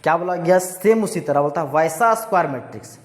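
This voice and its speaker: A man's voice: fairly high pitch, expressive, fairly quick. A man teaching a math lesson, who keeps asking rhetorical questions and repeating key phrases, mixing with terms. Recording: echoey room with long reverb.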